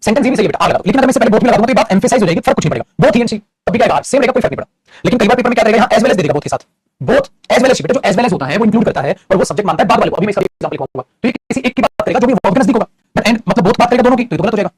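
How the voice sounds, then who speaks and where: A man gives a grammar lecture at a headlong pace. His voice sits high and sounds a little husky. The sound is dry and close, with no room around it. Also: lively intonation, dry recording. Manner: rapid and explanatory, addresses students as "beta", often asks "theek hai?". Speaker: English grammar teacher. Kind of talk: classroom lecture in Hindi mixed with English.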